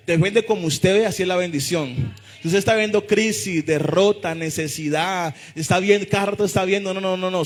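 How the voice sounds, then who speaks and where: A male pastor preaching a fervent sermon to a church congregation. He calls out to the people and rises into shouted refrains. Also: high-pitched. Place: church service before a congregation.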